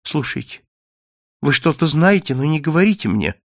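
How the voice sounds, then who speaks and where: A man's voice: on the high side, big pitch swings, normal speed, dry recording, clean studio sound, voice pushed up. A man voicing an anxious mother who pleads and scolds in an audiobook reading. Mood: pleading. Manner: pleading, strict. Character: anxious mother, stern with her child. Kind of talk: audiobook character voice.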